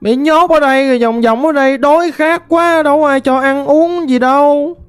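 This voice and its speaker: A woman voicing the vengeful ghost of a murdered teenage girl, pleading slowly in a Southern Vietnamese accent. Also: sits high, faint music behind, pitched above the performer's own voice, lightly acted. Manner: pleading, slow and plaintive.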